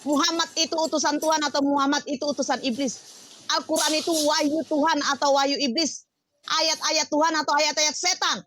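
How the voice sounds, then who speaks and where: A woman's voice: high voice, steady tone, brisk, noisy background. A woman pastor preaching on a livestream, confrontational and firing off rhetorical questions.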